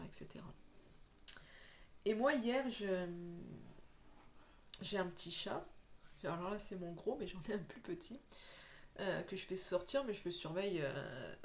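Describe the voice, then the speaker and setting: Speaking in a lowish voice over a slight hiss or hum, a medium offers oracle card readings in a relaxed spiritual vlog. She wanders earnestly through her thoughts, frequently starting over.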